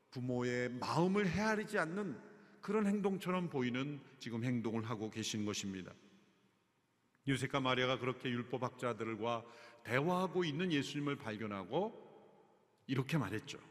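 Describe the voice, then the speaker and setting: A man preaching a sermon as pastor, animated and acting out quoted lines. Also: medium pitch. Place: church sanctuary. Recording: long hall reverb.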